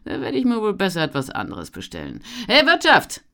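A narrator voicing a jovial, stocky peddler in his thirties, calling out loudly and cheerfully in an audiobook. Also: wildly swooping pitch, fast, smooth. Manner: loud, cheerful, booming calls. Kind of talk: audiobook character voice.

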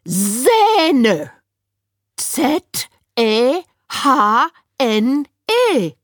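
A woman voicing a loud, fussy female social worker who exclaims in shrill, drawn-out bursts. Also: big pitch swings, no echo, clean studio sound, exaggerated voice. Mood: gushing.

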